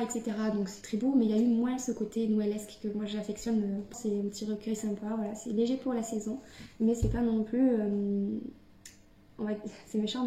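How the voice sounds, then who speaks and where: A woman's voice: mid-range voice, warm tone. A young woman book vlogger chatting casually to camera at home, hesitant with many fillers and restarts. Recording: echoey room.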